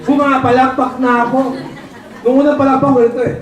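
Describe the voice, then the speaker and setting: A high-pitched man delivers a lively motivational seminar talk, animatedly telling his story and often checking that the crowd agrees. He is recorded from far off in a large, heavily echoing hall, with faint noise underneath. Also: brisk. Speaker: seminar speaker, training director. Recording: very echoey hall, mic far off.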